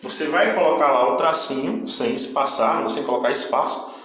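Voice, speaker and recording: A man's voice: medium pitch, normal speed, a bit bright, a little hiss or hum. A man teaching an English lesson in a chatty way, often checking in with his students. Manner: chatty, peppered with tag questions. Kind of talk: casual video lesson. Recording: echoey room.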